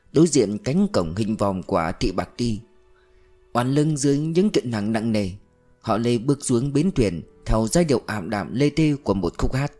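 Calm male audiobook narrator. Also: mid-range voice. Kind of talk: scripted narration of a mystery novel.

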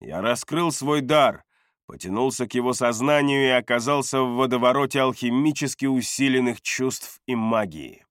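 A man's voice: mid-range voice, normal speed, fairly bright tone, smooth, dry recording, studio quality. Man narrating a fantasy audiobook.

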